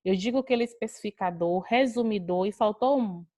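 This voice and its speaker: A woman's voice: mid-range voice, fairly quick, dark tone, dry recording. A young adult woman, teaching a grammar lesson over a video call and addressing her students directly.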